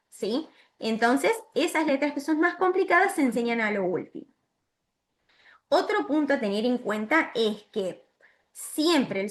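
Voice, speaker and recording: A woman giving a virtual training lesson to teachers, explaining step by step and often checking in with a quick "¿sí?". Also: fairly high pitch.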